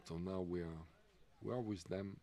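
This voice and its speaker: A middle-aged Swiss man with a French accent giving live commentary on a race, halting and full of fillers. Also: deep voice, steady tone, mellow. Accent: French-speaking Swiss. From Switzerland. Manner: halting, many fillers and restarts.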